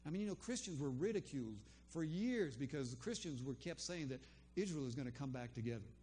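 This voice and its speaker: With faint music behind him, an older man recounts a faith conversation as casual spoken testimony, wandering through it with ums and restarts. He talks fairly quickly in a fairly high, darkish voice with lively intonation.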